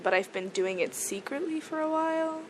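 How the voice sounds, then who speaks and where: A young South African woman, a native Afrikaans speaker, chats easily as a musician guest in a casual interview, often giggling and cracking dry jokes. Her high voice is animated and moderately paced, with slight background noise.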